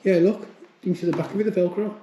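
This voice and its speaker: British male, amateur paranormal investigator, mellow tone, blunt casual delivery, echoey pub room. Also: sits high, steady tone, very fast, dull audio, a little hiss or hum. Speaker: amateur ghost hunter. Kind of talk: paranormal investigation, calling out to spirits and chatting. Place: indoors in a pub.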